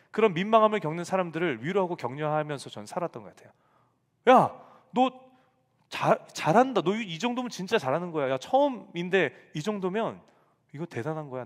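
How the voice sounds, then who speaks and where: A male pastor in his forties preaching a sermon to young adults, telling a family story and acting out the lines he quotes. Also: on the high side. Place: church sanctuary. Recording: reverberant church hall.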